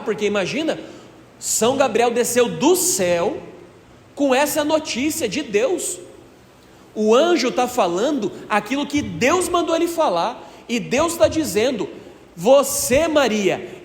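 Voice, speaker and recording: A man's voice: high-pitched, a little hiss or hum. A male priest preaching a sermon in a folksy storytelling way, asking the congregation questions. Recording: echoey hall reverb, faint ambience.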